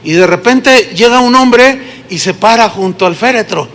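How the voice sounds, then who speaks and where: High-voiced Mexican preacher in a hall. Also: male voice, normal speed, a bit bright. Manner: storytelling preacher, asks the congregation questions. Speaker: pastor. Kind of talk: sermon. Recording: long hall reverb.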